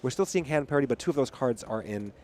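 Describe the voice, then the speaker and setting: Mellow male play-by-play commentator. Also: medium pitch, expressive, fast, slight background noise. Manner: analytical, counting out plays. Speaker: tournament commentator. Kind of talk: live card game commentary.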